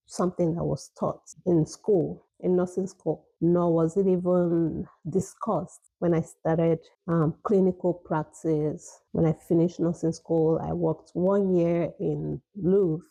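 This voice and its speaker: Nigerian woman with a husky, gravelly voice. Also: fairly low pitch, warm tone, no room sound, low-quality recording. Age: middle-aged. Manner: chatty, laughs often, drawn-out restarts. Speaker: emergency nurse vlogger. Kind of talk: casual chat while eating.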